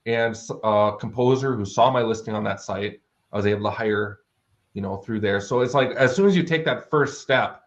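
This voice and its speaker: On dull, lo-fi audio, a man with a fairly low voice talks at an ordinary pace. He's an interview guest, an author and audio drama producer, casually recounting anecdotes.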